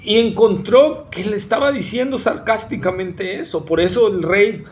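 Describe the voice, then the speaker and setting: A man's voice: high-pitched, moderate pace, slight background noise. A man preaching a sermon, emphatic and full of rhetorical questions to the congregation.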